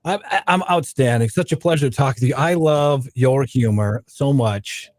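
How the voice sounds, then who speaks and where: A man's voice: mid-range voice, moderate pace, dry recording. A man hosting a casual radio interview in an enthusiastic, fan-like manner.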